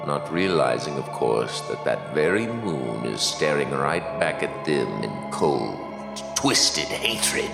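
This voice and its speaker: A man playing an ominous, melodramatic announcer narrating a horror radio show in a drawn-out, roomy echoing voice. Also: low-pitched, creaky, exaggerated voice.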